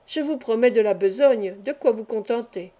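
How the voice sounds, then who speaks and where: A woman reading an audiobook, voicing a kind, serious middle-aged male doctor who speaks calmly and in a measured way. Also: a little high, lightly acted. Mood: reassuring.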